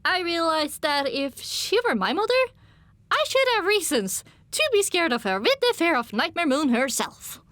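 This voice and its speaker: A woman reading a first-person audiobook in measured storytelling. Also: high-pitched, pushed and bright, dry recording. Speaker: audiobook narrator. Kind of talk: scripted first-person narration.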